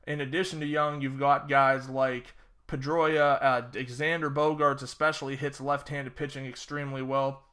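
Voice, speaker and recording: Bright-voiced chatty young fantasy analyst man. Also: medium pitch, little pitch movement, moderate pace. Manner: chatty, rambling, with frequent fillers and sarcastic asides. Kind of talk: casual solo sports-betting breakdown.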